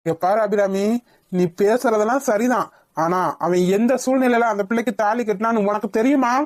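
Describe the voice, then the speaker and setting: A woman's voice: mid-range voice, fairly quick, a little mellow, lightly acted. A woman voicing a stern middle-aged cartoon father who scolds firmly. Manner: firm, reproachful scolding. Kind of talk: cartoon voice acting.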